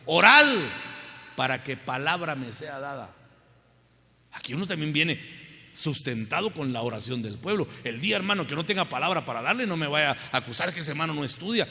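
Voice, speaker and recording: A man with a Guatemalan accent preaches a fervent sermon and keeps calling out to the congregation. His voice sits on the higher side and rings hard and piercing. It echoes with a long tail through a church hall. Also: gravelly, sharp tone. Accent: Guatemalan Spanish. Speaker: pastor.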